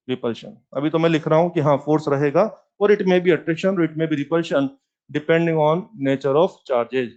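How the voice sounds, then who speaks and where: Guy teaching physics class, bit high voice, asks n answers his own questions, lo-fi sound. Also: a little mellow. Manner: mixes English terms into Hindi.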